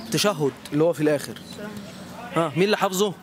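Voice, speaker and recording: An Egyptian man hosting a street quiz outdoors, encouraging and quick to praise each answer. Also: fairly high pitch, a crowd in the background. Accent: Egyptian Arabic. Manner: encouraging, repeats praise often.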